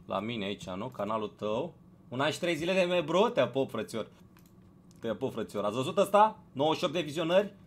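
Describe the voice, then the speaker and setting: A man's voice: mid-range voice, big pitch swings, slight background noise. A man hosting a casual live stream, chatting with viewers, greeting them by name, repeating himself and urging them to hit like. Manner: chatty, greets viewers one by one, repeats phrases, pushes for likes.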